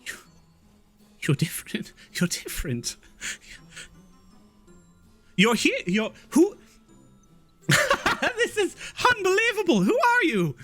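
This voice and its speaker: Man doing a high, gushing halfling carnival-goer, small and eager, stammers constantly; bright tone. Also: lively intonation, measured pace, faint music behind. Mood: excited.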